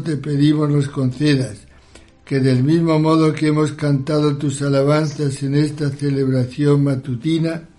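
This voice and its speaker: Slow, even-toned man reciting prayers. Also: on the high side. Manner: solemn, measured, evenly recited. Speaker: prayer leader reciting morning liturgy.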